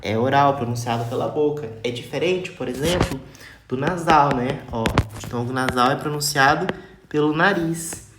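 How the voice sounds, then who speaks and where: A teacher with a Brazilian accent giving a grammar lesson, slowly and patiently repeating each example word and asking the class for answers. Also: medium pitch. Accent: Brazilian Portuguese. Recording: echoey room with steady background noise.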